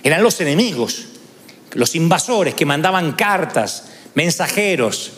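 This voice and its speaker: A pastor preaches a sermon in a church, his voice on the high side and a little slow, echoing through a large hall. He is an animated storyteller who acts out inner voices as he tells his stories.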